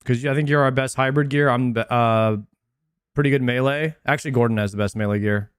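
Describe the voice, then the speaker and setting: Bro-y gamer dude streaming, frat guy slang, smooth clear voice, super dry audio. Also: medium pitch, steady tone, fairly quick, no echo. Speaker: game streamer. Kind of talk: casual livestream gaming chat.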